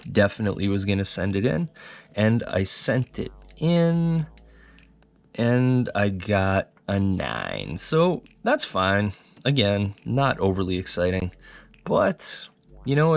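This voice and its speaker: A man with a low, radio-like voice talks to his viewers in a relaxed, chatty vlog manner. He sounds casual and unhurried. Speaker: sports card collector and channel host. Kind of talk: casual card-review vlog talk.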